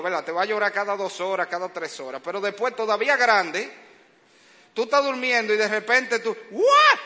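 This preacher, a father of young children, delivers a sermon full of funny stories about fatherhood, imitating the sounds and cries he describes. His voice sits high, with a bright, forceful tone. A long hall reverb and faint background noise fill the recording.

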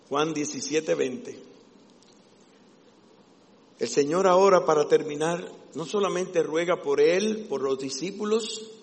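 A man's voice: a little high, creaky. A man preaching a sermon with fervent, emphatic delivery. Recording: long echo of a large hall.

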